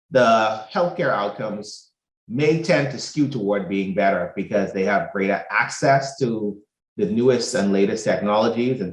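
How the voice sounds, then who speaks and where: A Bahamian doctor gives a prepared explanatory talk in a low, steady voice, working through his points in order in a measured, methodical way. There's a noticeable roomy echo on the recording.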